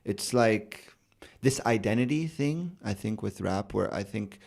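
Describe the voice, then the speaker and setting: Gravelly low-voiced young man, relaxed. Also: measured pace. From United States. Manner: relaxed, thoughtful, many fillers and restarts. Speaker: rapper and poet guest. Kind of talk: casual podcast interview.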